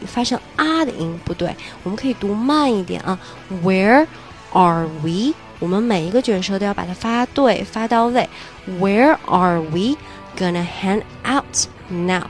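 A woman teaching spoken English, explaining phrases and slowly drilling pronunciation word by word. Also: medium pitch.

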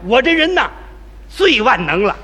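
A man performing live crosstalk comedy as the lead teller, boastful and sly in his quick patter. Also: very high-pitched, very animated, pushed and bright, a little hiss or hum. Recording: live stage recording in a hall.

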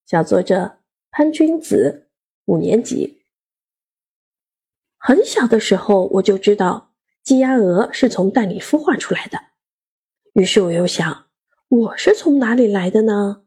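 Husky-voiced woman reading a story. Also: mid-range voice. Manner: expressive, measured reading. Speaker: reader. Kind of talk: storybook reading of a school essay.

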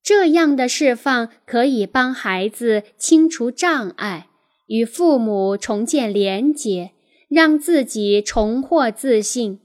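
A woman reading a parenting book aloud as an audiobook, in a calm, measured way. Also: fairly high pitch.

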